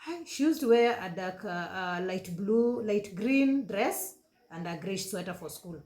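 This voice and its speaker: A woman in her thirties with a Kenyan accent, telling an emotional personal story on her vlog, halting and correcting herself as she goes, slipping into Swahili. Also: mid-range voice, expressive, darkish tone. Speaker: vlogger. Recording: roomy echoey room.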